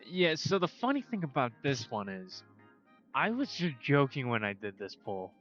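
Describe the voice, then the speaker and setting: A man streaming a video game live, chatting casually, swearing and talking straight to the game with sudden loud outbursts. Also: medium pitch, very animated, moderate pace, highs cut off, faint music behind. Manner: talks to the game, swears, bursts into loud exclamations. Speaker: livestreamer. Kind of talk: casual gaming livestream commentary.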